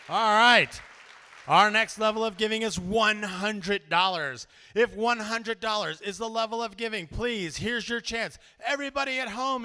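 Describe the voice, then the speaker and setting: A man emceeing a live charity auction, calling levels of giving and paddle numbers with lots of energy. His voice is high and bright with a smooth, crisp edge. It rings out with the long reverb of a large event hall. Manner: energetic, rattles off bid numbers in a rapid auctioneer chant.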